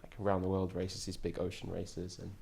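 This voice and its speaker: Deep-voiced man, chatty guest. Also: completely flat delivery, fairly quick, creaky, darkish tone. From England. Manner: enthusiastic, rambling with frequent restarts. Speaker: podcast guest, ocean sailor. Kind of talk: casual interview chat.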